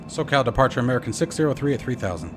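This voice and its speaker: A man's voice: mid-range voice, animated, rapid-fire, music in the background. A man playing an airline pilot in a flight sim, making clipped, procedural radio calls and readbacks to air traffic control over a cockpit headset.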